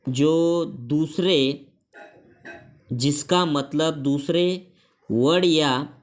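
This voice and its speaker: A teacher with an Indian accent giving an online English lesson, reading each definition slowly in English and then explaining it in Hindi. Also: medium pitch.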